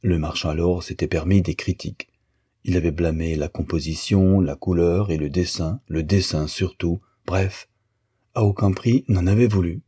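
A man reading a literary novel aloud as an audiobook narrator, in a measured, even way. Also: deep voice, husky.

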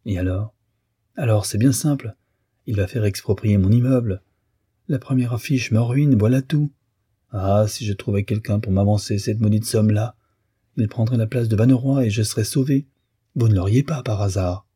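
A man's voice: fairly low pitch, moderate pace, mellow, breathy edge, no room sound, studio quality. A man reading as a desperate, pleading businessman. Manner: urgent, pleading. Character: ruined middle-aged businessman, desperate and pleading.

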